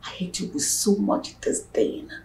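A woman acting a cold, scornful, middle-aged Nigerian stepmother in a film drama, speaking with deliberate disdain. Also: dark tone, natural voice. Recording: echoey room with ambient noise.

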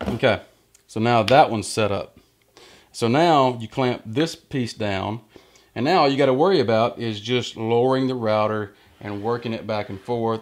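A man in his thirties, a workshop channel host, explaining step by step how to use a jig while working at the bench in a large indoor woodshop. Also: lowish voice. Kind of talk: hands-on workshop tutorial. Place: large indoor woodworking shop.

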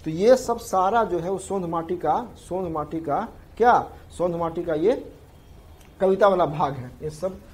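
A man's voice: sits high, unhurried. A man teaching an exam prep class, repeating points over and over to drill them in. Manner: repetitive, drilling points to students. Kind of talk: classroom lecture.

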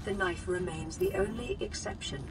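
A woman voicing a calm onboard computer, a gentle care robot from a video game that gives even, measured status reports in a synthetic voice. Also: on the low side, music in the background, low-quality recording. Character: calm female ship computer, gentle monitoring AI.

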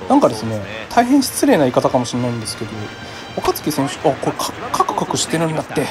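A man's voice: mid-range voice, wildly swooping pitch, fast talker, music in the background. A man from Kagoshima casually commenting on his own baseball video game, reacting aloud and often apologizing. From Kagoshima, Japan. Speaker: game streamer. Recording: game crowd noise behind. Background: baseball game crowd sound.

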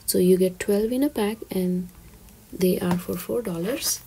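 A woman giving a soft, half-whispered walkthrough of store items for her shopping vlog, listing each item and its price. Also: mid-range voice, a little slow, creaky, a little hiss or hum. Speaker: shopping vlogger. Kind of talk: shop-with-me voice-over.

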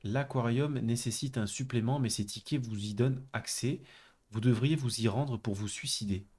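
A man's voice: medium pitch, normal speed, darkish tone, husky. A young French man commenting on a role-playing game, reading its text aloud, laughing and swearing. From France. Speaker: gameplay commentator. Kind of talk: let's play commentary.

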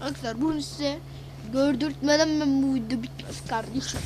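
A woman giving casual, excitable gameplay commentary, exclaiming and grumbling as she plays. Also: sits high, a little fast, noisy background. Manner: excitable, swears and exclaims a lot. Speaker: gaming video host.

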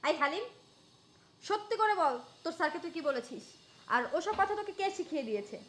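A woman plays an indignant wife from a short drama with a very high, bright voice. She talks quickly and in a demanding way, pressing hard for answers. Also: lively intonation, a little hiss or hum. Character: wronged older sister and wife, indignant. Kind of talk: short-film drama acting.

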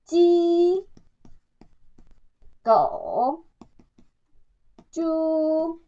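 Chinese-accented woman teaching slowly, lo-fi. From China. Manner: slow, drawn-out demonstration with lively pitch jumps on tones. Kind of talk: language lesson, modeling words to repeat. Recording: dull, lo-fi sound.

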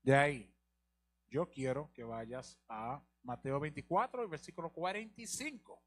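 On a live show, a man teaches from the Bible at a measured pace in a slightly high voice. He asks rhetorical questions, repeats key lines, and directs the reader.

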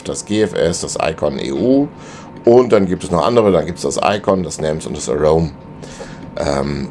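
A middle-aged sailing vlogger speaks from his sailboat's cabin while it sits at anchor, wind blowing outside. In a low, darkish voice, he chats colloquially about route planning over screen maps, using many filler sounds. Slight background noise is present.

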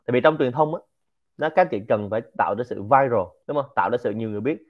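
A man with a Central Vietnamese Quảng Nam accent giving a lively, informal lecture to a community and dropping English words into his talk. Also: mid-range voice, fast, narrow, tinny audio. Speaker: speaker hosting a Q&A session.

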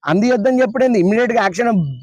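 A man, reviewing a TV show in casual chat, animated and opinionated. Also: high voice, rapid-fire, no echo. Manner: animated, opinionated, talks over his co-host.

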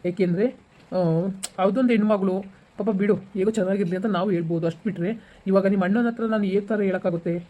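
A man playing a calm, reassuring husband in an amateur village family drama. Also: sits high, brisk, phone-quality sound, natural voice. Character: gentle, patient rural husband.

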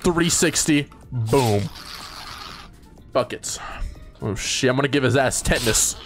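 Man excitable let's-play host, animated and swearing, faint game music behind. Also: medium pitch. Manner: excitable, profane, laughing often. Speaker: gamer. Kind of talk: casual let's-play commentary.

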